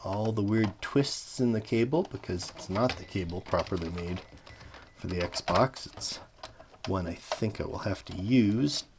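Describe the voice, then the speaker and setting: Slow, gravelly man muttering at his workbench. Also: on the low side, noisy background. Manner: dry, sarcastic, muttering to himself while working. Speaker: hobbyist modder. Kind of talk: casual workbench vlog narration.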